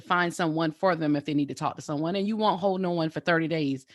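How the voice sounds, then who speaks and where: A woman's voice: low voice, fairly even intonation, fast talker, studio quality. A woman hosting a podcast who affirms her guest and echoes back her words. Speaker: podcast host. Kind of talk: casual interview talk.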